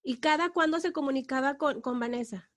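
A woman interviewing a grieving mother on the radio, asking questions gently with many fillers. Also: high-pitched, fairly quick. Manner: gentle, attentive, hesitant with fillers.

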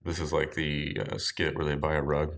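A podcast host with a deviated septum talks from his apartment, his extremely low voice stuffed-up and nasal yet fairly bright. He keeps a level tone at a moderate pace, rambling casually with dry jokes.

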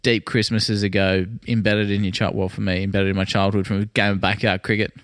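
A man's voice: fairly low pitch, little pitch movement, a little fast, fairly bright tone, dry recording, studio quality. An Australian man co-hosting a music podcast in a casual, conversational style. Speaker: podcast co-host.

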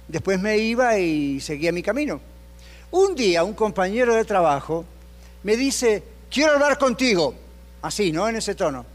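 An older man preaching a sermon in a lively, storytelling way, putting on the voices of people he quotes and asking his listeners questions. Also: sits high, in a large hall. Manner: animated, acts out quoted voices; asks the congregation questions. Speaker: pastor.

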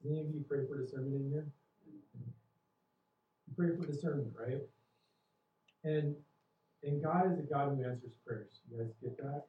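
A man's voice: a little high, steady tone, moderate pace, long pauses. A man preaching a sermon as pastor, earnest and questioning the congregation, building in intensity. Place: church hall. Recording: roomy, distant, dull church recording.

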